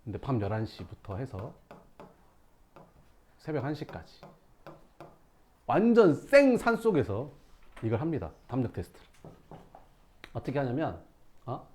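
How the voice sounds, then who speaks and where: Male teacher, young adult, class storytelling, lively voice, acts out scenes, mid pitch. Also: a little slow, long pauses, slight background noise. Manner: animated, acts out scenes with shouts and sound effects. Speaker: math teacher.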